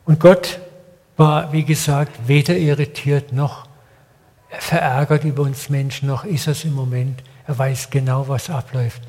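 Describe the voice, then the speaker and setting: A man's voice: medium pitch, fairly even intonation, measured pace, darkish tone. An older man preaching a sermon in blunt, colloquial words, often asking his listeners rhetorical questions. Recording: long hall reverb.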